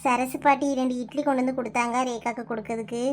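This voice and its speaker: Woman playing a high-pitched, dutiful cartoon village daughter who answers politely. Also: steady tone, quick pace, a little mellow, slight background noise, natural voice. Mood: sweet. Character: obedient young village girl, sweet and polite. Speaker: daughter figure. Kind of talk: Tamil cartoon voice acting.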